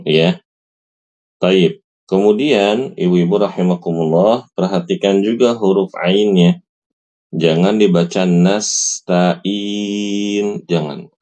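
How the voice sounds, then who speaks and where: A man teaching Quran recitation to women, patiently correcting them and modeling each phrase slowly. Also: sits low, warm tone, lo-fi sound. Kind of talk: online recitation lesson.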